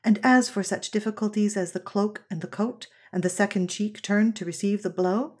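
Woman reading aloud, measured and earnest. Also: mid-range voice, steady tone, darkish tone, breathy edge. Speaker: reader of an old parenting essay. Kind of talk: scripted narration.

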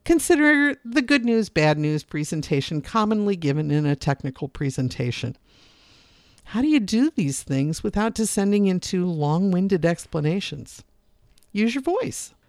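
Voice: medium pitch, moderate pace, no echo, clean studio sound. A public speaking teacher giving a scripted lesson, shifting tone often to demonstrate points. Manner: expressive, varies voice to demonstrate points. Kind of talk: scripted instructional narration.

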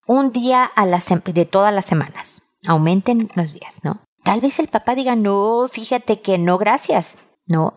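A woman counsels a caller on raising children. She is warm but firm in her advice. Now and then she acts out a scene between a mother and her child. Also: fairly low pitch. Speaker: advice show host.

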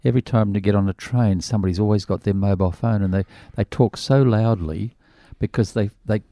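Brief: gravelly, mellow male radio co-host, fond of wisecracks. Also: on the low side, a little fast, dry recording, clean studio sound. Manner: quippy, laughs often. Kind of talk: casual studio chat. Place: radio studio.

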